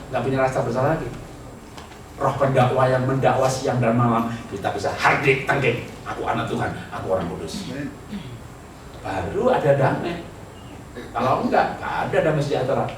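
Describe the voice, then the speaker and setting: A man preaching a sermon at a church retreat, humorous and teasing, laughing often with the congregation. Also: medium pitch. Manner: acts out people's prayers in mocking voices. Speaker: pastor. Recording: echoey hall, mic at a distance, background noise.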